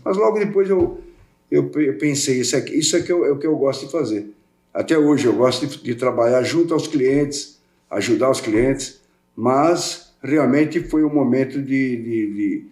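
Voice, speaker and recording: An older man, Portuguese-born but raised in Brazil, guests on a podcast as a welding specialist, rambling through casual interview chat and repeating and restarting words. His voice is medium-pitched and darkish, at a normal speed. The recording has a roomy echo.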